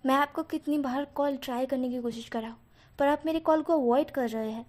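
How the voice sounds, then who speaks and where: A woman's voice: sits high, fairly even intonation, fairly quick, a little mellow, lightly acted. A woman voicing an anxious male henchman who urgently pleads with his boss on the phone. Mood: pleading.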